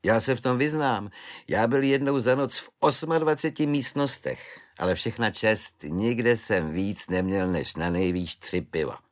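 A good-natured soldier chatters on in a raised, easy voice, matter-of-fact and cheerful whatever the subject. He talks unhurried and sure of himself, as a male narrator puts him on in a storybook reading. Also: on the low side, pitched above the performer's own voice, natural voice. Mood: chatty. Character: good-natured, blithely unfazed soldier, adult man.

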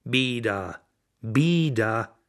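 A man's voice: mid-range voice, animated, fairly bright tone, lightly acted. A man reading the part of a bitter, worn-out actor, brooding and earnest, in an audiobook. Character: bitter, worn-out middle-aged male stage actor.

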